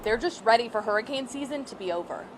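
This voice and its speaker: Higher-voiced woman reporting live from noisy street. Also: expressive, quick pace. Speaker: field news reporter. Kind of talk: live on-location news report, conversational. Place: outdoors on a windy city street. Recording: windy street noise, clearly audible.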